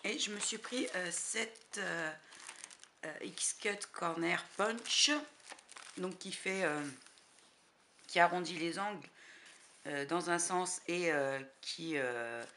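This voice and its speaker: A woman's voice: on the low side, slow, pauses often, sharp tone. A woman chatting casually through a craft haul, hesitant, with many fillers. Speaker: crafting vlogger. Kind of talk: casual haul video chat. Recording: noisy background hiss.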